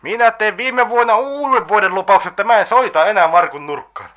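A man's voice: high voice, pushed and bright, lo-fi sound, pitched above the performer's own voice. A man voicing a grumpy middle-aged male caller in a comedy radio sketch, with a pinched, whiny voice. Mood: grumbling.

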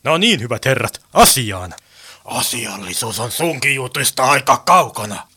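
A man's voice: mid-range voice, sing-song, pushed and bright, slightly rough, voice pushed down, full character voice. A man playing a blunt small-time crook in an amateur radio play, grumbling in a dry way.

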